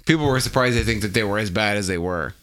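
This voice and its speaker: A man's voice: on the low side, quick pace, fairly bright tone, no echo, clean studio sound. A man casually chatting about football as a podcast co-host.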